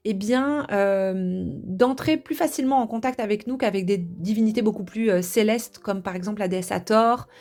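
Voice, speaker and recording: A woman giving a tarot reading, speaking gently and chatting to her viewers with many hesitations. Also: mid-range voice. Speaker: tarot reader.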